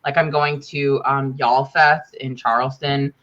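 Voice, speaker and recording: A woman chatting casually in a group video chat, with quick, filler-heavy talk. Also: very deep voice, steady tone, a bit bright, dull audio.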